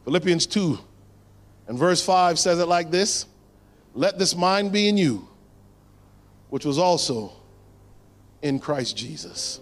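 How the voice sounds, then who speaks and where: Male preacher, high voice, dramatic pauses, drops low for emphasis, long hall reverb. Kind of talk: sermon.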